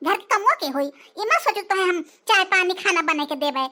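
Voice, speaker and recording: A woman's voice: extremely high pitch, a little fast. A performer voicing a lazy, spoiled grown daughter with an Awadhi accent, whining and bossing her mother around in a cartoon. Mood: whiny, bossy. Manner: whiny, bossy, loud calling out. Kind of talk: cartoon voice acting.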